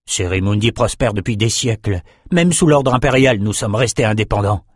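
A man's voice: lowish voice, lively intonation, moderate pace, breathy edge, no room sound, studio quality. A man voicing a weary, kindly bearded harbour master who talks in a tired, sighing way.

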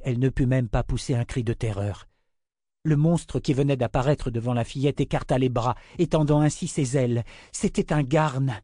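A man narrating a fantasy novel in an even, measured storytelling voice. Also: medium pitch, no echo, studio quality.

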